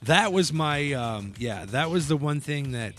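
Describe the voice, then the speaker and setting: A man's voice: fairly high pitch, lively intonation, a little slow, fairly bright tone, slight background noise. A man co-hosting a casual podcast, telling a family story and acting out the quotes with laughs. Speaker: podcast co-host.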